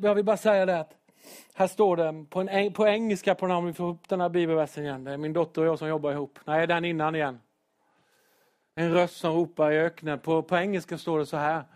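A man preaching a sermon in church as pastor, earnest and emotional, at times loud and joking at his own expense. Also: on the high side. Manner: earnest, emotional, sometimes loud with self-deprecating humor.

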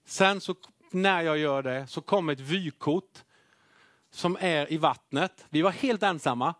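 A middle-aged man preaches in a sermon, recounting a personal story in an animated, self-mocking way. His voice sits a little high for a man. The sound is close and dry, with no room around it. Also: dry recording. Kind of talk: sermon testimony.

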